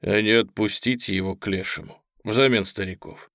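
A man's voice: mid-range voice, dry recording, clean studio sound. Man reading a grave, pious merchant. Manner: quiet, slow, heartfelt.

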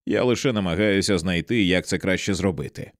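A troubled writer, guarded and defensive, voiced by a male reader. He speaks low and holds back, with a flat edge when pressed. The recording is close and dry. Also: fairly quick, dry recording.

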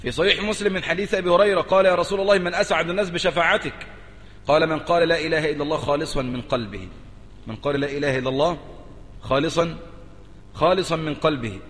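An Egyptian-accented sheikh gives a religious lesson in a somewhat high voice, pressing each point and repeating his key phrases. His words ring with a long reverb, as in a large hall. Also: very fast, fairly bright tone. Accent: Egyptian Arabic. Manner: emphatic, repeats key phrases and urges listeners to pay attention. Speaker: sheikh teaching a creed lesson. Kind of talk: religious lesson, explaining a text.

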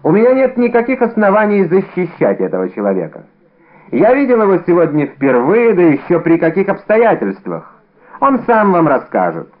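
A man's voice: high voice, voice pushed up. A man reading an audiobook, voicing a bold, cunning young musketeer with a brash, theatrical manner, in a narrow, phone-like recording.

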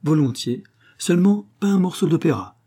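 Brief: man voicing enthusiastic theater manager, quick exclamations, raised pitch, mellow and husky. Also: sing-song. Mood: eager. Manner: eager, exclamatory, talkative. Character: enthusiastic middle-aged male theater manager.

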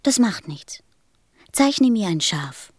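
An earnest little boy prince from another planet in a radio play. The voice is childlike and insistent, with a soft, husky breathiness. It is recorded close and dry. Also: mid-range voice, very animated, slow pace, dry recording. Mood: gentle, earnest. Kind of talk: audio drama acting.

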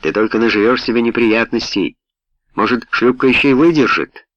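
A man's voice: medium pitch, a little fast, fairly bright tone, dry recording, natural voice. A man reading aloud, voicing a nervous young sailor who coaxes a friend, on a dull, dry lo-fi recording. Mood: coaxing.

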